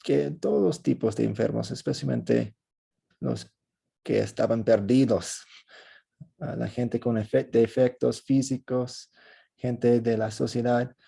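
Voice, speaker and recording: Pastor teaching an online class, gravelly husky voice, affirming tone. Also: male voice, medium pitch, dark tone. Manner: thanks each student, frequent affirming "ujú". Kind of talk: leading a class discussion.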